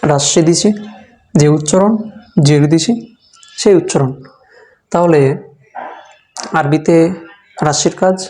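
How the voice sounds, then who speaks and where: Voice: medium pitch, takes it slowly, pauses often, warm tone. A Quran reading teacher giving a step-by-step recitation lesson, patiently repeating each letter sound aloud.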